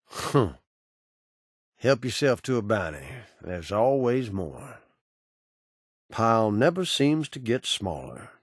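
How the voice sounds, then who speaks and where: The Ghoul, low, drawling wasteland gunslinger. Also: male voice, very animated, slow, pauses often, no room sound, clean studio sound, exaggerated voice. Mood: wry, sardonic. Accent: American Southern. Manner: sardonic drawl, wry cowboy slang. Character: cynical, menacing ghoul gunslinger bounty broker in a wasteland. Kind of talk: video game character dialogue.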